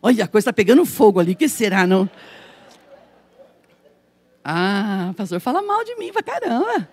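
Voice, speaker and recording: A woman's voice: mid-range voice, sing-song, moderate pace, a little mellow, slightly rough. A woman pastor with a Brazilian Portuguese accent, preaching a church sermon, telling funny stories and laughing often. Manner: humorous storytelling, laughing often. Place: church service.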